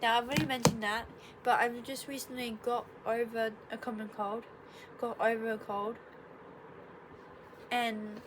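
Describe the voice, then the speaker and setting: In this casual explainer vlog, a slightly congested young woman talks from her bedroom in a level, high-leaning voice. Her pace is relaxed, with long gaps between thoughts, and she wanders off topic, fixing her own statements with sarcastic remarks. The room noise is clearly audible.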